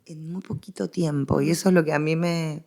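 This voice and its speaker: A woman with an Argentine accent, low-pitched and gravelly, speaks briskly as an expert guest in a relaxed academic interview. She explains with animation and repeats phrases to drive points home.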